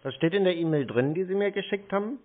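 A scam baiter with a high, expressive voice talks quickly on a phone call, needling the scammer in a dry, pedantic way. The line sounds tinny.

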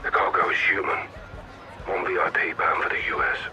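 A man's voice: wildly swooping pitch, a little fast, sharp tone, faint music behind, heavily acted. An actor playing a grave, hard-edged male covert operative in a military game, speaking in terse tactical lines. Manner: low, terse tactical delivery. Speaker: special operations soldier. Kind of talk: military action game dialogue.

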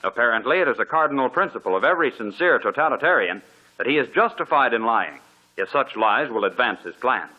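A man's voice: medium pitch, expressive, fairly quick. A man reading a formal, earnest 1940s radio advertisement, heard as an old radio broadcast. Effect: old radio broadcast sound. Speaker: radio announcer. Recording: muffled old radio recording.

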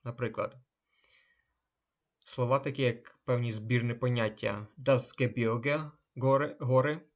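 A man's voice: medium pitch, steady tone. A man teaching a language lesson, drawing out each German example word before giving its meaning. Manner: slow, drawn-out German example words. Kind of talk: unhurried lesson.

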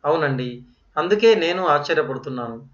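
A man reads as a polite young student, earnest and restrained. His voice sits slightly high. The sound is roomy and dull, lo-fi in character. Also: lively intonation, brisk, fairly bright tone, distant mic.

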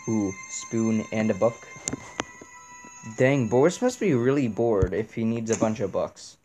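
A man's voice: on the low side, animated, a little slow, mellow, soft background music. A young man playing a horror game, reacting nervously and swearing as he talks through it. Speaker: gamer.

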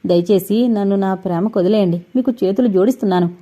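Give me a woman playing a determined young heiress, earnest and pleading, with a dark, warm tone. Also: mid-range voice, fast, close to an everyday voice.

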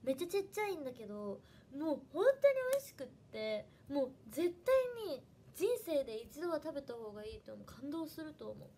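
A woman's voice: high-pitched, lively intonation, brisk, hardly any pauses, mellow. A young woman with a Hiroshima dialect, chatting casually on a livestream and thanking viewers by name. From Fukuoka, Japan. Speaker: idol trainee livestreamer.

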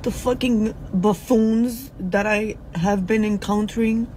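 A crying woman in her forties speaking haltingly into her phone, recorded inside a car. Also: mid-range voice, fairly even intonation, darkish tone, rough recording. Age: 40s. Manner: halting, pausing speech. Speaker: social media poster. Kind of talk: tearful confessional selfie video. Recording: phone audio with car noise.

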